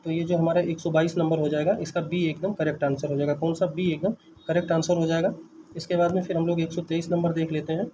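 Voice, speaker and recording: A man tutoring students through an exam paper's answer key, speaking. He repeats each answer back as a quick question to himself. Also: on the high side, dark tone, slight background noise.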